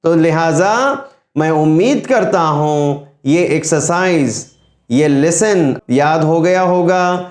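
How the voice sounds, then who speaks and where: A man with a high voice gives a tajweed pronunciation lesson in Urdu-accented speech. He demonstrates letter sounds slowly and deliberately, with a roomy echo around him. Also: a little mellow. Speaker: Quran teacher. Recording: echoey room.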